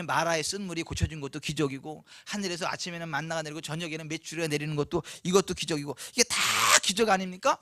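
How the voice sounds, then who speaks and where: Male pastor, high bright tense voice, emphatic sermon with rhetorical questions, dry close sound. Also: dry recording. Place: church, Friday night service.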